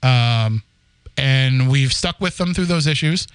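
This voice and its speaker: This man speaks slowly in a clean, mid-range voice with no room sound. Originally from the Boston area and in his forties, he hosts a podcast and recounts its story in casual, rambling chat full of restarts and laughs.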